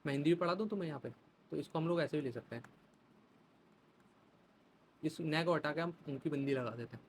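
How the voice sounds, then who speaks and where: A man's voice: fairly high pitch, a little fast. Man, a chatty exam-prep tutor with a slightly raised voice and faint background hiss. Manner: chatty, explains in Hindi with English terms and playful classroom examples. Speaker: English vocabulary teacher. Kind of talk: exam-prep vocabulary lesson.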